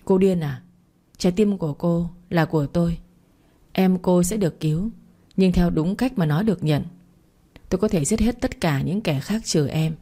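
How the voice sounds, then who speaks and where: A cold, possessive young doctor speaks in brief, level sentences, as a woman reads him in a story. The voice sits low and sounds mellow. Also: moderate pace, lightly acted. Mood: cold, curt.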